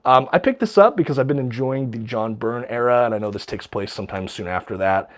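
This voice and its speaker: A man's voice: mid-range voice, a little fast. Casting: man, livestream host, enthusiastic and chatty, slightly stuffy and short of breath. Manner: enthusiastic, many ums and uhs, reads out viewer questions. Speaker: livestream host showing his comic collection. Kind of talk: casual livestream chat.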